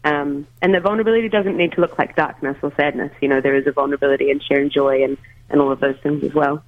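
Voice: medium pitch, fairly even intonation, fast, no echo. A musician guest talking casually by phone from home, hesitant, with many ums and restarts. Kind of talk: casual interview over the phone. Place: at home, making coffee. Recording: tinny phone line.

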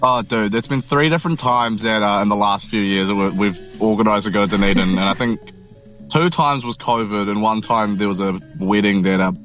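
A young man with a New Zealand accent and a somewhat low voice talks in a relaxed, rambling way, full of fillers and restarts. His voice comes through a muffled, lo-fi line with faint music underneath. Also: brisk. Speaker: band member guest. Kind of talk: casual interview chat.

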